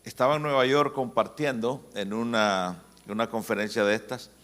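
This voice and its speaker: A man's voice: mid-range voice, steady tone, normal speed, fairly bright tone. A man in his sixties with a Honduran accent, a pastor giving a church conference talk in a joking, anecdotal way. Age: 60s. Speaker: pastor and family-conference speaker.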